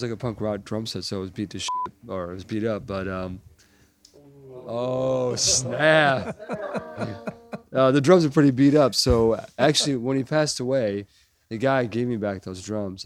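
A man's voice: medium pitch, a little slow, noisy background. A man chatting as a drummer guest in a restaurant, rambling with lots of fillers. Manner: rambling, lots of "like" and "you know". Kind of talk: casual interview chat.

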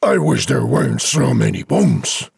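Man putting on a grumbling gravelly giant. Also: mid-range voice, huge pitch swings, drawn-out words, darkish tone, no echo, studio quality, exaggerated voice. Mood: grumpy. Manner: grumbling, muttering. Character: grumpy man-eating male giant.

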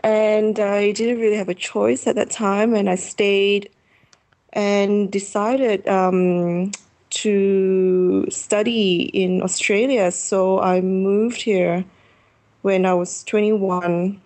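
Woman, 30s, from Malaysia, travel author, slow halting delivery, frequent fillers. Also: medium pitch, level tone, a little mellow. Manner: hesitant, many pauses and fillers. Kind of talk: interview answers. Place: her apartment.

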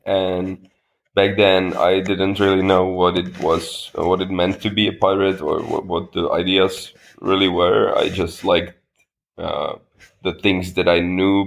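A man from the Czech Republic with a Czech accent, speaking English as a second language. He is a politician answering interview questions over a Skype call, unhurried and searching for words. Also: low-pitched, vocal fry. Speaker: politician guest.

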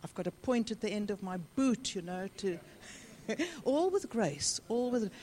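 A woman's voice: mid-range voice, unhurried, slight background noise. Rousing woman speaker. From South Africa. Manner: energetic, rousing, exhorting. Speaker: itinerant church speaker. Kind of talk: conference talk.

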